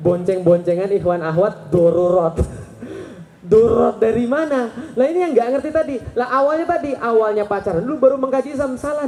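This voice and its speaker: Animated male preacher in an echoey hall. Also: sits high. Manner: animated storytelling, acting out quoted voices; asks the crowd rhetorical questions. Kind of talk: Islamic sermon to a live audience.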